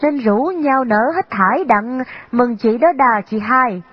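A woman's voice: on the high side, takes it slowly, breathy edge. A woman voicing a naive, boyish younger brother, a student, who speaks in a playful, teasing way in a storybook. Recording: slightly dull lo-fi recording.

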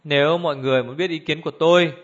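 A man voicing a blunt middle-aged male ex-policeman who talks forcefully and accusingly, on a dull lo-fi recording. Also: fairly high pitch, fairly even intonation, rapid-fire, lightly acted.

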